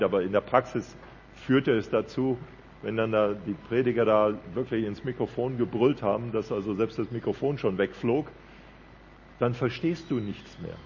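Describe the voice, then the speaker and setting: A man's voice: fairly low pitch, vocal fry, darkish tone, dull audio, slight background noise. A man preaching a sermon in an earnest, conversational way, often checking in with a "ja?".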